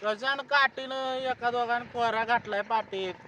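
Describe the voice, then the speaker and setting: High-pitched whiny pleading man. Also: fairly even intonation, normal speed, pushed and bright, slight background noise. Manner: whiny, pleading, tearful complaining. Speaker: comic sketch performer. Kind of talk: comic phone call sketch.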